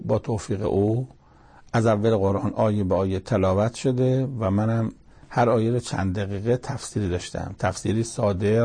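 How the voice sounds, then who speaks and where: A man leads a verse-by-verse scripture lesson, speaking in short, measured phrases. His voice is gravelly and husky with a dark, mellow tone. He retells the dialogue of the story as he explains each verse. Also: fairly low pitch. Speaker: Quran commentator. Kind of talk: religious lesson, verse-by-verse commentary.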